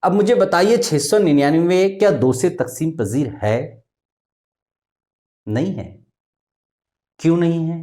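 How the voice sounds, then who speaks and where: Slow, patient man teaching math. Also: on the high side, dark tone. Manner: slow, patient, explaining step by step with rhetorical questions; recites multiplication tables in a singsong way. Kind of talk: classroom lesson.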